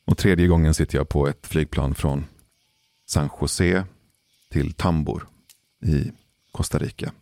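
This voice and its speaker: A man telling a personal story in a casual, measured way, pausing for suspense. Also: extremely low pitch, fairly even intonation, mellow, no echo. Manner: measured, deliberate pauses for suspense. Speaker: podcast storyteller.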